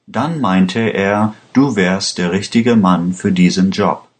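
A man voicing an armed, vengeful woman in a slowly read German storybook, lifting his pitch and speaking firmly and clipped. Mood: commanding.

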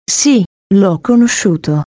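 A woman reading the lines of a calm, wry male police officer in a storybook, with a mild, even delivery. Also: mid-range voice, slow pace, no room sound, studio quality.

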